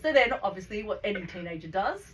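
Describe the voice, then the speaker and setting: A woman's voice: medium pitch, lively intonation, quick pace. An Australian woman co-hosting a podcast, introducing a guest in a gushing, rambling way with lots of fillers. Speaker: podcast co-host. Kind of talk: casual chat, guest introduction. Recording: distant mic, faint noise.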